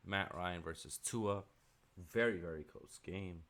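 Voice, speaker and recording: Man with a very low voice, offhand. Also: a little slow, fairly bright tone. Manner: offhand, opinionated, with frequent ums and asides. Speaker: sports video host. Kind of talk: casual solo sports picks commentary.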